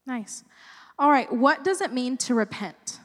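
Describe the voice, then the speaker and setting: Woman reading out questions, higher voice, reverby room. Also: lively intonation, unhurried. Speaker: panel moderator.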